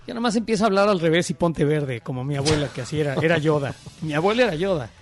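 A man's voice: fairly high pitch, expressive, fast. A man with a Mexican accent co-hosting a casual comedic chat, joking and slangy. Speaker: co-host.

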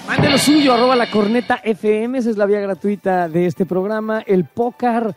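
A man's voice: high-pitched, steady tone, a little fast, soft background music. A man with a Mexican Spanish accent, co-hosting a radio talk show in a casual, joking way, full of slang. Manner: informal, joking, uses slang.

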